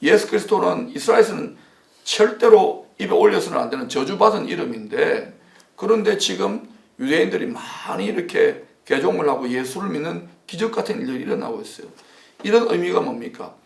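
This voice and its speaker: A man's voice: high-pitched, lively intonation, brisk, vocal fry. A man from South Korea preaching and hosting as a pastor, explaining emphatically with repeated phrases. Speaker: pastor and host. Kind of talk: sermon turning into interview. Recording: roomy echo.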